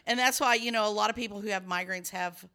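A middle-aged woman hosts a relaxed, casual chat, explaining things loosely and ramblingly while circling back and restarting sentences. Her mid-range voice has a bright, forward tone but sounds scratchy today, and she speaks at a quick pace.

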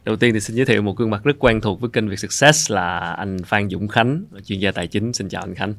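A man's voice: lowish voice, quick pace, fairly bright tone, dry recording. A man speaks as a podcast host. He presents the show and its guests in an orderly, moderating style.

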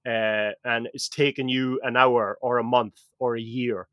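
A man's voice: mid-range voice, flat delivery, a little slow, no echo, highs cut off. Rambling male podcast host, dry sound. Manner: rambling, with frequent fillers and restarts. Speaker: podcast host explaining lore. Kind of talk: casual chat.

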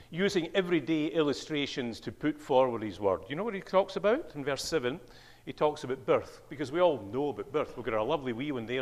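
An older Scottish man preaches in a church with a mid-pitched voice. He tells his stories in an animated way, his pitch leaping up and down. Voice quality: animated storyteller, wide pitch swings on quoted speech. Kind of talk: sermon with anecdotes.

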